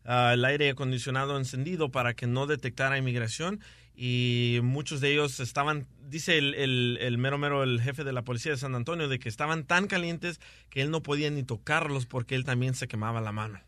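A man co-hosting a radio show as the DJ, playful and animated when telling jokes. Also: mid-range voice, brisk, no echo. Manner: animated, playful joke teller.

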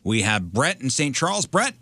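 A man runs a radio game segment with a bright, punchy voice and lively swings in pitch. He works like an announcer, repeating bids and stretching out the suspense. There is faint noise behind him. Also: normal speed. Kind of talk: game show hosting on a radio talk show.

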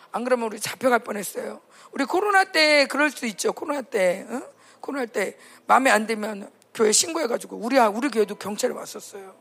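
A woman's voice: fairly high pitch, fairly bright tone, husky. A woman preaching to young people at a camp, emphatic, often asking the audience questions. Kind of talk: sermon.

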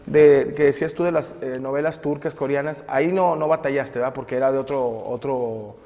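A man with a Mexican accent co-hosting a podcast, excitable and crude, laughing a lot. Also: medium pitch, brisk, in a large hall. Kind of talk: casual podcast chat.

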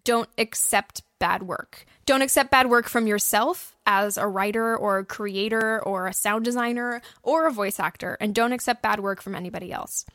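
In a relaxed behind-the-scenes conversation with her co-host, this podcast host and audio drama producer hands out advice emphatically, performing imagined quotes and thoughts as examples. She speaks at medium pitch and a moderate pace with hardly any pauses, in a fairly bright tone captured as clean, echo-free studio sound.

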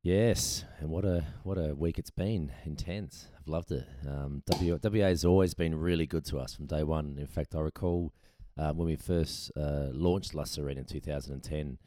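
A man's voice: a bass voice, moderate pace, hardly any pauses, mellow, dry recording. An Australian man chatting enthusiastically as a podcast guest, telling casual anecdotes. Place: at a kitchen table indoors.

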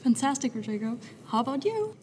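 A woman's voice: high-pitched, sing-song, a little fast, a little mellow, slight background noise. A woman co-hosting an education podcast, introducing the guests and asking questions in a friendly, plain way. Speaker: podcast co-host.

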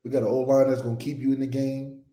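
A man co-hosting a sports talk show, talking in a loose, jokey, animated way and slipping into quoted voices. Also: mid-range voice, quick pace. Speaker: co-host, sports analyst. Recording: roomy echo.

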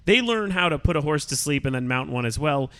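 A man with a somewhat high voice talks through a reality-show recap with a co-host. His delivery is loose and jokey, full of laughs, fillers and tangents. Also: animated, brisk, a bit bright, clear, resonant tone. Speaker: podcast co-host. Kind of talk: casual recap chat.

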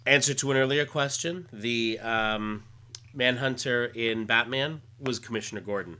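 A man hosting a casual podcast, explaining comic-book details in a halting, list-like way. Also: mid-range voice, sharp tone, clean tone. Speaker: podcast host.

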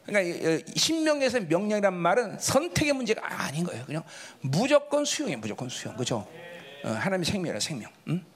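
A pastor preaching a sermon, swinging between high exclamations and low murmurs and calling on members of the congregation by name. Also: male voice, very animated, quick pace, breathy edge.

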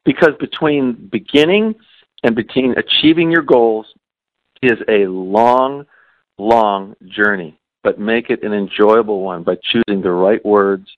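A man's voice: fairly low pitch, a little slow, dry recording, narrow, tinny audio. A man co-hosting a podcast about coaching and parenting, talking earnestly and repeating key phrases for emphasis. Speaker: podcast co-host. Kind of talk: podcast conversation.

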